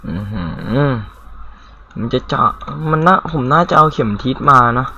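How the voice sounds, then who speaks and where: A man's voice: medium pitch, expressive, moderate pace, lo-fi sound, noisy background. A man giving casual, self-mocking let's-play commentary, talking to his viewers as he plays and swearing offhandedly. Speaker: gameplay commentator.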